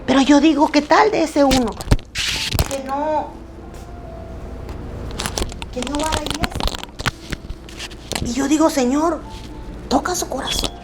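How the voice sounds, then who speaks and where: A woman preaching to a women's church group, loud, emphatic and plain-spoken, with candid, self-deprecating humor. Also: high-pitched, fairly even intonation, takes it slowly, pauses often, background noise. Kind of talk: sermon.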